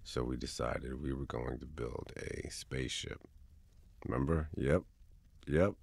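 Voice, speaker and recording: A young man in a whispered role-play as a best friend, casual and swearing, teasing then gently comforting, close to the mic. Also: rumbling low, measured pace, creaky, slightly rough, no echo. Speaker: ASMR boyfriend role-play performer.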